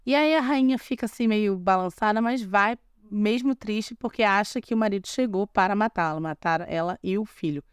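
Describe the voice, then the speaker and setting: Speaking at a moderate pace with few pauses, a young woman from Brazil hosts a podcast and tells a fairy tale with running commentary, her Brazilian Portuguese accent audible. Her medium-pitched voice is smooth and clear, recorded dry and close on a podcast mic with no echo, as she drops sarcastic remarks and starts sentences over in her loose, chatty style.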